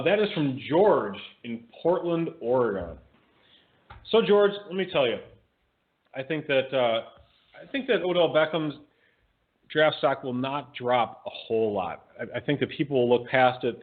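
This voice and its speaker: A man co-hosting a podcast in casual chat, giving quick, chatty opinions and correcting himself as he goes. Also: medium pitch, lively intonation. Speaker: podcast co-host. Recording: phone-like narrow sound.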